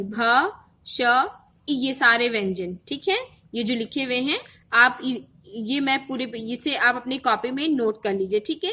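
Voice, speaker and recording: Bright, high-voiced woman teaching a class. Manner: explains patiently, repeating "ठीक है" to check understanding. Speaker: Hindi teacher. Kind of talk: online classroom lesson.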